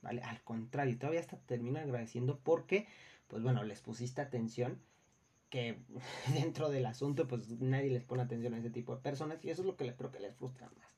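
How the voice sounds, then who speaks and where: A man's voice: medium pitch, fairly quick, a little mellow, breathy edge. Young Mexican man telling work stories. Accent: Mexican Spanish. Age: young adult. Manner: acts out customers and coworkers in quoted voices; frank, swears casually. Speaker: customer service worker. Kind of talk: casual storytelling monologue.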